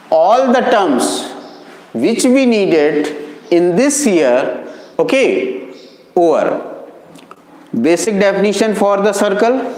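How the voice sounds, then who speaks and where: A man teaching maths, calling his students children and repeating key terms slowly. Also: sits high, darkish tone. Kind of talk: classroom lecture. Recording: echoey classroom with long reverb.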